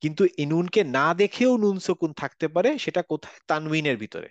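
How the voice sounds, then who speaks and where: Man teaching slowly, pitched a bit high. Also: expressive, no room sound, dull audio. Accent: Bangladeshi Bengali. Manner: patient, repeats examples slowly, checks students understand. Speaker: Quran recitation teacher. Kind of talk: online class teaching.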